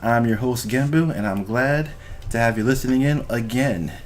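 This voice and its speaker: A man hosts a casual podcast, talking straight to his listeners in an informal, profane, loose way. His voice is medium-pitched at a moderate pace, with slight background noise.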